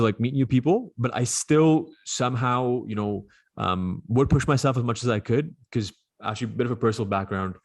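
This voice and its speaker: A young man in his twenties from Dubai, a podcast guest talking casually and quickly with plenty of fillers. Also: medium pitch, no room sound, clean studio sound. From Dubai, UAE. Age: 20s. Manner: rapid, chatty, frequent fillers. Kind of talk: casual interview conversation.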